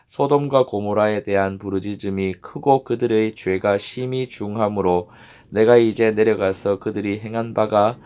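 A man voicing God as a solemn, authoritative male deity who speaks in grave, measured pronouncements, in a scripture reading. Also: fairly low pitch, fairly even intonation, darkish tone, smooth, natural voice.

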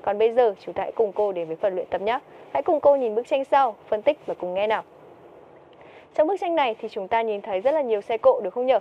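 A woman's voice: a little high, lively intonation, fast talker, lo-fi sound, a little hiss or hum. A woman teaching TOEIC vocabulary, who keeps asking her students questions and answering them herself. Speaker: English teacher.

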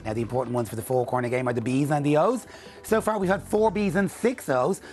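A man's voice: mid-range voice, fast, darkish tone. A man in his forties working as a bingo caller on a TV game show, calling numbers in a rhythmic, repeating presenter's delivery. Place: indoor TV studio. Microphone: lapel mic. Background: music.

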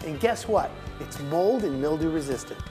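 Music plays in the background as a middle-aged home improvement expert, a TV talk show guest miked with a lapel mic on a studio set, gives an upbeat pitch and points at samples. His intonation is lively and his speed normal.

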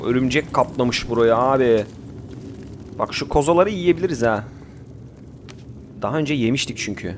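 A man's voice: mid-range voice, moderate pace, long pauses, slight background noise. A young man giving casual commentary while he plays a survival game, chatting and ordering his group around, with sudden outbursts. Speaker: gameplay commentator. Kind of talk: casual Let's Play commentary.

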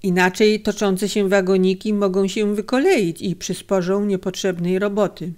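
A woman reads a story aloud at an unhurried pace, shaping each sentence dramatically. Her pitch sits in a middle range, and she takes her time between phrases. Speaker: audiobook narrator. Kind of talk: scripted narration.

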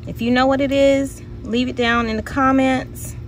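A woman's voice: high-pitched, steady tone, moderate pace, a little hiss or hum, poor audio. A woman casually walking viewers through her backyard garden, chatty and exclamatory, calling them y'all. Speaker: home gardener vlogger.

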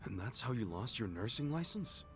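A brash, expressive street guy. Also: medium pitch, moderate pace, music in the background. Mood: concerned, probing. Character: brash, loyal adult street guy, blunt and friendly. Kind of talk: English video game drama acting.

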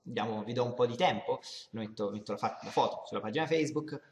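A man's voice: medium pitch, fast, slight background noise. A young man hosting a gaming video with casual, rambling commentary, often repeating himself, recorded in an echoey room. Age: young adult. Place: indoor room in front of a backdrop.

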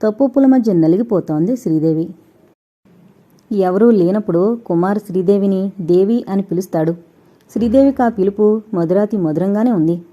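A woman narrating a novel in a slow, measured, expressive reading. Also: mid-range voice. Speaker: audiobook narrator. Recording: dull lo-fi recording.

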